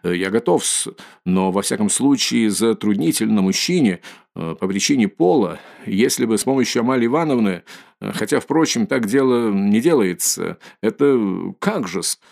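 A man reading an audiobook and voicing a smug, cold, pedantic official who speaks quietly and insinuatingly. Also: on the low side, expressive, normal speed, creaky. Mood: cold insinuation. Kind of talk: audiobook character voice.

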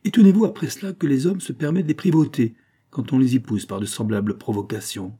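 Storybook figure: a stout, indignant older spinster, shrill and scandalized, voiced by a male reader. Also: fast talker, dark tone, breathy edge, natural voice. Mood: outraged. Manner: shrill, outraged.

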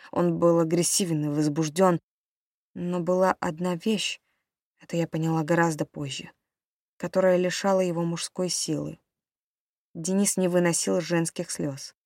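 A woman reading a novel aloud in the first person, as a steady audiobook narrator. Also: on the low side, dry recording, studio quality.

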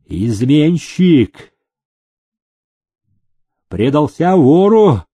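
A man voicing a stern army major who shouts at his prisoners. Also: a little high, wildly swooping pitch, very slow, slightly rough, no room sound, heavily acted. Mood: angry. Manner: barking, harsh.

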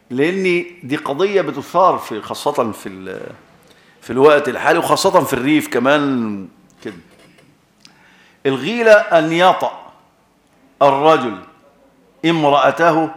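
An Egyptian man preaches a sermon in an Egyptian accent, his fairly high voice echoing with reverb. He speaks emphatically, repeats key words and quizzes his listeners.

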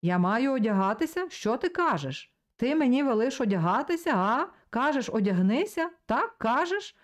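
A drunken, brawling young man hollers and taunts, his shouts leaping high, as a woman reader puts him on. The voice swings a long way up and down. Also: very animated, moderate pace. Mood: drunk bellowing.

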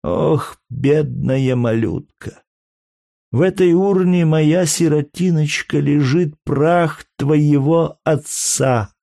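A man's voice: mid-range voice, takes it slowly, vocal fry, dry recording, studio quality. A man reading an audiobook, voicing a grieving young Roman mother who speaks tearfully and tenderly. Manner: tearful, pleading, softly emotional.

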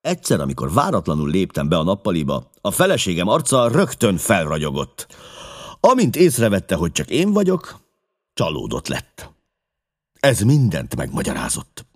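Brief: a man with a deep voice and lively intonation, giving a dramatic audiobook reading. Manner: expressive, emotional, with sudden drops to a hush. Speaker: audiobook narrator.

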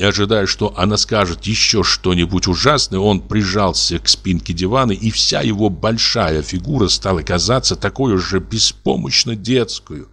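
Low-voiced man reading a story aloud. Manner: measured, expressive reading. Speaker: narrator. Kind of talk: audiobook reading of classic fiction.

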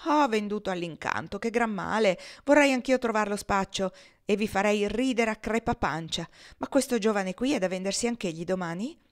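A woman's voice: medium pitch, moderate pace, hardly any pauses, close to an everyday voice. A woman voicing a boisterous, mocking adult male buffoon in an audiobook reading, playful and mimicking. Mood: jovial.

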